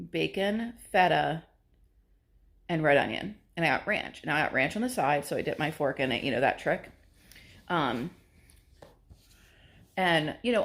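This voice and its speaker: Lady with a slightly low voice doing a chatty cook-with-me vlog, super informal, keeps cutting herself off. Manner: informal, self-interrupting, chatty asides. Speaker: vlogger sharing meals and recipes. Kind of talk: casual cook-with-me vlog chat.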